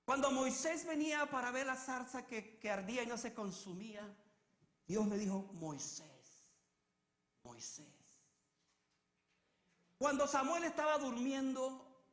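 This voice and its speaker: A male preacher delivers a sermon with high, ringing tones, surging into loud climaxes and then sinking into hushed repetitions. His voice echoes around the church sanctuary. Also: normal speed.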